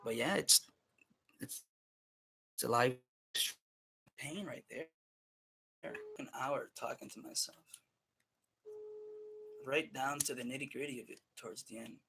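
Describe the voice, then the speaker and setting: A man's voice: mid-range voice, slow, vocal fry, pauses often, bright, forceful tone, a little hiss or hum. A man in a casual, rambling monologue, often swearing, restarting his sentences and switching between English and Spanish. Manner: profane, rambling, restarts and self-interrupts. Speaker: streamer talking to himself.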